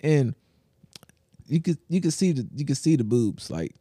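A man's voice: medium pitch, animated, moderate pace, mellow, husky, dry recording, studio quality. A young man co-hosting a podcast, telling a rambling story in casual chat with restarts and laughs. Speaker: podcast co-host.

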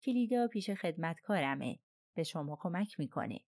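An aloof old princess, voiced by a woman narrator in an audiobook, speaking slowly and with cool composure. The voice sits low and dry, close to the mic with no room around it. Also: sing-song, darkish tone, no echo. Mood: calm, aloof. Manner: slow, measured and composed. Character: aloof, calm elderly princess, slow-spoken. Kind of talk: audiobook character reading.

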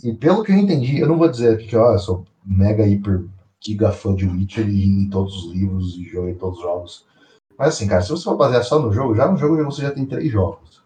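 A man co-hosting a podcast in casual chat, slangy and animated, often repeating himself. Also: fairly low pitch, quick pace, echoey room. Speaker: podcast co-host.

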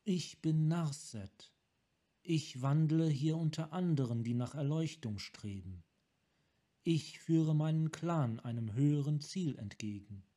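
A man voicing a calm, wise female monk who leads her clan, speaking softly and with measure, in a fan audiobook reading. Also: fairly high pitch. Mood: serene. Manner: soft, measured.

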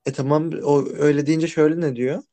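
A man's voice: fairly high pitch, fairly even intonation, a little fast, dark tone. A man co-hosting a casual podcast, mostly reacting with short interjections and questions. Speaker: podcast co-host listening and reacting.

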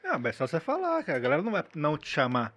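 A man's voice: fairly high pitch, wildly swooping pitch, rapid-fire, fairly bright tone, no echo. A young man co-hosting a podcast, teasing and questioning the others in casual banter.

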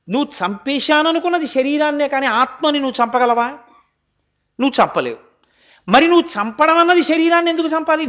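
A man delivers a religious discourse in a high, sharp, bright voice. He is animated and asks question after rhetorical question, and he breaks into chanted verses. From India. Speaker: spiritual discourse speaker. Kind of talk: Gita discourse, sermon.

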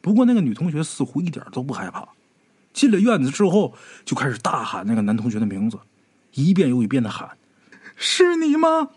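A man narrating a ghost story in a dramatic, animated storytelling manner. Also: mid-range voice, fast talker, breathy edge.

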